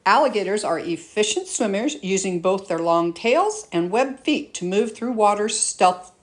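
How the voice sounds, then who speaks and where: Female educator, mid-pitched, for scripted explanatory lesson narration in a student nature-documentary style. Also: lively intonation, normal speed. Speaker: teacher presenting an educational lesson.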